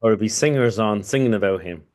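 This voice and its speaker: A podcast guest from Kurdistan, Iraq, talks in a casual conversational interview, rambling with many restarts and plenty of "you know." His voice is low and a little mellow, and he speaks at a quick pace.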